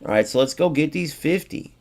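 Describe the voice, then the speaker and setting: This gaming channel host has a slightly high voice and sounds animated and brisk. Chatty with his viewers, whom he calls guys, he thinks aloud and mutters sums to himself as he counts up points.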